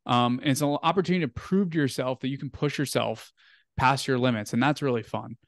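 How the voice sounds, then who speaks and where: Speaking a little fast in a mid-range voice, this young interview guest rambles casually through a story, constantly using "like" and "um." The recording is clean studio sound without any room sound.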